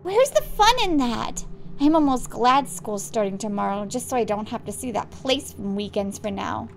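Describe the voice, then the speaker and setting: A woman's voice: on the high side, lively intonation, normal speed, a little hiss or hum. A woman voicing a bored young boy in a game who complains in a whiny way.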